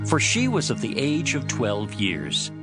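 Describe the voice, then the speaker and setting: With a medium-pitched voice that swoops wildly, a man narrates scripture unhurriedly as a dramatic story. Loud music plays behind his storytelling.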